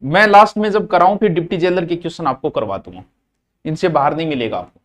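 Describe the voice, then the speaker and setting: A man's voice: on the high side, fast talker, fairly bright tone. A middle-aged man teaching a grammar class, repeating each word again and again and scolding students in a playful way. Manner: drills words by repeating them, playful scolding asides.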